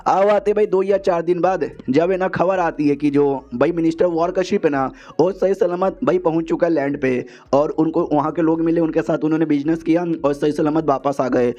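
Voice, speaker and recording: A male narrator rambles through a casual, slangy story recap, padding his sentences with filler words. His voice sits a little high and sounds mellow. The recording is dull and lo-fi. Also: steady tone, moderate pace, few pauses.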